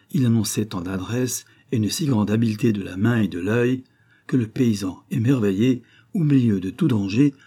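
A man reading a classic adventure novel aloud in measured, scripted storytelling narration. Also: on the low side, mellow, husky. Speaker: audiobook narrator.

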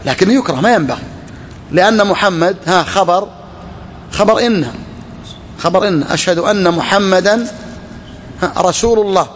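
A man teaching a lesson to students, reading a text slowly and then explaining it, often repeating his phrases. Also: high voice, a little hiss or hum. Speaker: sheikh teaching a book. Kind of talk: classroom lesson on Islamic law.

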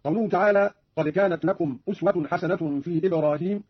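Husky guy talking fast, formal radio explainer, dry dull old recording. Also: sits high, no echo. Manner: measured, scholarly, precise phrasing. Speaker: radio presenter explaining recitation variants.

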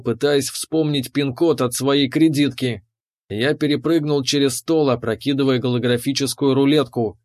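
Male audiobook narrator, medium pitch, steady scripted first-person storytelling.

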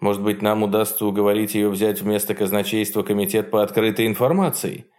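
A man's voice: on the low side, fairly even intonation, fairly quick, darkish tone, close to an everyday voice. A man voicing a dry, faintly ironic male political leader in an audiobook reading.

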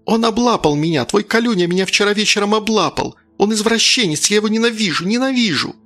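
A man voicing a furious, desperate teenage girl in an audiobook, with shrill, breathless outbursts. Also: moderate pace, pushed and bright, soft background music.

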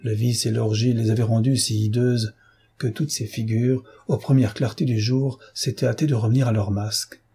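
A man with a husky voice reads a classic novel aloud at a measured, steady pace. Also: medium pitch. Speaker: audiobook narrator.

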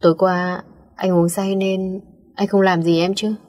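A woman's voice: medium pitch, flat delivery, measured pace, a little mellow, natural voice. A woman voicing a drunk, remorseful young man who pleads and repeats himself.

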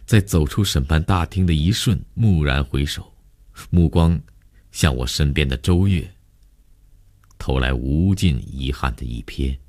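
A man narrating a novel in the first person, in a measured, grave manner. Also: extremely low pitch, darkish tone. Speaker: audiobook narrator.

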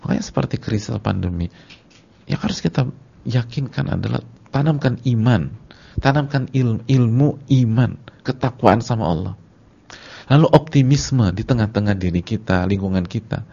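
A man giving a sermon to his congregation in casual slang, repeating words for emphasis and swinging between loud and soft. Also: medium pitch, expressive, normal speed, vocal fry, breathy edge. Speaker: Islamic preacher. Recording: dull lo-fi lecture recording.

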